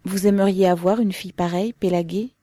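A woman voicing a lively woman comrade who speaks in an animated, gently teasing way. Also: low voice, moderate pace, dry recording.

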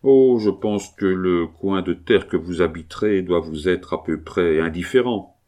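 Authoritative chief, severe and unhurried, as a narrator voices him. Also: male voice, sits low, dark tone. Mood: stern. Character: stern cunning middle-aged police chief.

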